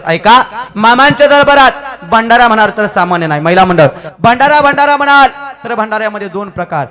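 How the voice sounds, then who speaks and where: A man preaching a devotional kirtan sermon, telling stories and calling out to the listeners. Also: high-pitched. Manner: alternates singing refrains and lively storytelling, calling out to the crowd. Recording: echoey with music behind.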